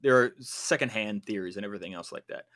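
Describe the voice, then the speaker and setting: This co-host is a fast talker, his fairly low voice carrying a fairly bright tone. His podcast chat is casual and meandering, with frequent fillers and restarts.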